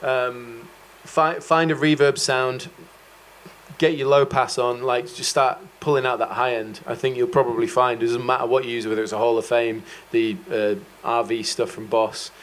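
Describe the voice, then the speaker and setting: A man's voice: medium pitch, flat delivery, normal speed, a bit bright. A man giving a guitar masterclass, talking casually and rambling a little, with self-deprecating jokes. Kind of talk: casual explanatory chat.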